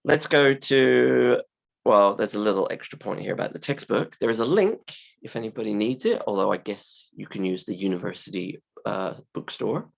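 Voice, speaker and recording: A man teaching a class in simple, deliberate, emphatic phrases, his voice hoarse, croaky and creaky from a sore throat. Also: lowish voice, dull audio. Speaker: university English teacher. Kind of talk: scripted-slide lesson explanation.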